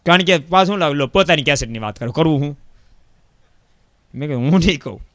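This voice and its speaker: A man giving a religious discourse, telling a parable in an animated way and repeating phrases for emphasis. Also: fairly high pitch, a little fast, no echo, studio quality. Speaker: preacher.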